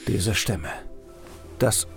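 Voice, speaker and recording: An actor playing a world-weary hard-boiled private detective, narrating in the first person with dry, sardonic humor. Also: male voice, on the low side, extremely slow, vocal fry, soft background music, full character voice. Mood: wry. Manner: dry, sardonic inner monologue. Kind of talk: first-person noir audio drama narration.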